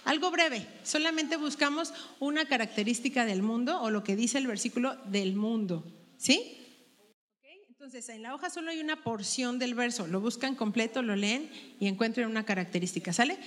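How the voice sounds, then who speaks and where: A woman's voice: on the high side, moderate pace, a bit bright. A woman teaching a women's Bible study group, asking questions and checking their answers. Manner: asks the group questions and tags them with "¿verdad?". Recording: long hall reverb.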